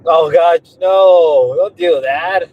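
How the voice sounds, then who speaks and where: A man's voice: a little high, takes it slowly, lo-fi sound. A man giving casual, profane running commentary in an exasperated way.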